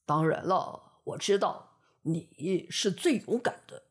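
A crafty male lion in a bedtime storybook, speaking low and slow with a breathy, wheedling tone, as a woman puts him on. He flatters each listener while quietly scheming. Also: heavily acted. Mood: sly coaxing. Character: sly scheming male lion, smooth-talking.

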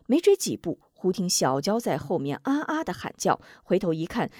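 A woman storyteller narrating a martial-arts tale in a lively voice, reading every part herself. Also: mid-range voice, slightly rough, no room sound, studio quality.

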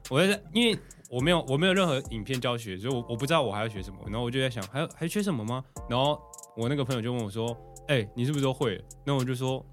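A young man with a Taiwanese Mandarin accent telling a story in casual podcast chat, animated, laughing often and acting out what people said. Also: medium pitch, rapid-fire, faint music behind. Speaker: podcast co-host.

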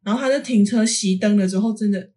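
A young woman from Taiwan, speaking in a casual podcast chat. She tells her stories with animation and slips into the voices of the people she quotes. Her voice sits at a medium pitch. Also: quick pace. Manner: animated, acts out quoted dialogue. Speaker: podcast co-host.

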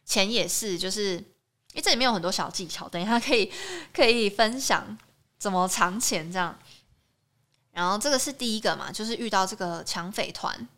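A young woman in her twenties, a podcast guest telling travel stories in lively casual chat and acting out the dialogue. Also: mid-range voice, normal speed. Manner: animated, acts out quoted dialogue.

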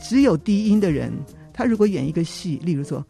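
A middle-aged woman from Taiwan, an actress and acting teacher, talking casually in a podcast interview and demonstrating voices with big jumps in pitch. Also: sing-song, a little fast, gravelly, warm tone, faint music behind.

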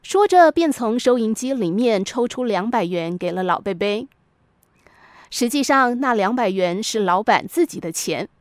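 A woman hosting a podcast, reading a scripted reflective essay in a measured, moralizing storyteller's manner. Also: fairly high pitch, lively intonation, dry recording, clean studio sound. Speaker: podcast host.

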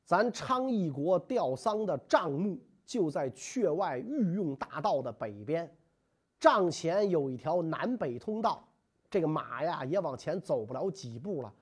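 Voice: mid-range voice, sing-song, measured pace, slightly rough. A loyal court minister, anxious and begging his master to do the right thing. A storyteller puts him on, keeping close to the narrating voice. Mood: urgent pleading. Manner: urgent, pleading.

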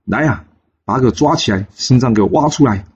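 A man's voice: mid-range voice, animated, fast, darkish tone, husky, dull audio, voice pushed up. A man voicing a cruel, foolish king, commanding and raised. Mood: furious. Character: foolish cruel male king, wheedling then furious.

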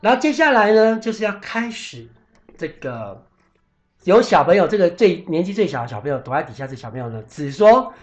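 A man's voice: high-pitched, big pitch swings, a little fast. A man hosting a casual podcast, talking in a chatty, explanatory way with many fillers and restarts, sometimes spelling out foreign words. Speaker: podcast host.

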